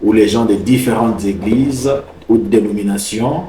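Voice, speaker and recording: A man's voice: lowish voice, moderate pace, roomy sound, noisy background. A man from Congo, a pastor speaking measuredly on a talk show with many hesitant fillers. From Congo (DRC). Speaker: pastor and prophet, guest author.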